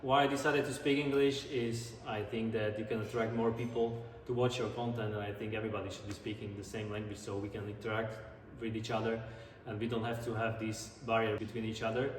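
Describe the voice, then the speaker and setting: A man from Slovakia with a Slovak accent, talking casually and earnestly to his vlog audience in slightly halting non-native English. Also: fairly low pitch, level tone. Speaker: drifter and car-building vlogger. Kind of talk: casual vlog talk to camera. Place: large indoor garage. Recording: echoey garage, distant mic, background noise.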